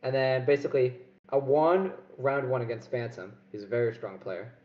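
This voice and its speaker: A man chatting casually as a player during a board game match, excitable and swearing as he tells stories. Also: medium pitch, moderate pace, dull audio. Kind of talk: casual gaming chat.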